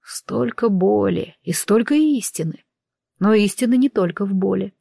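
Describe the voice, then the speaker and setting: A woman voicing a slow-spoken, mocking male prince of time travelers in an audiobook. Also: medium pitch, animated, creaky, mellow, no echo, studio quality. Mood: solemn. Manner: slow, drawn-out, teasing.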